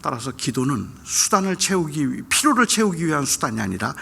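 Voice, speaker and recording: A middle-aged male pastor preaching at a dawn church service, telling a personal story. He swings from loud outbursts to hushed whispers. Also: on the high side, very animated, fairly quick, creaky, slightly rough. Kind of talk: sermon.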